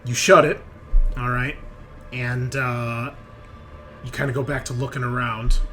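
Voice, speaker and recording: Narrating a tabletop RPG as game master, a man speaks in a pushed, bright mid-range voice. He keeps it conversational, checks in with his players often, and the recording has noisy background ambience.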